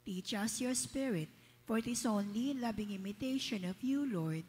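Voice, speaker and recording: Female church lector, Filipino accent. Formal, solemn, slightly rough-edged voice in deep cathedral reverb. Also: normal speed, darkish tone. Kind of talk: formal read prayer and church announcement. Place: large church, through sound system. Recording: echoing church with long cathedral-like reverb, husky sound.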